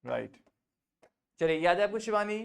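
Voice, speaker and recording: Over a video call, a French teacher with an Indian English accent runs an online class, blending English, Hindi and French. The voice is medium in pitch, gravelly, with lively intonation. Patiently, the teacher drills phrases by repeating them slowly.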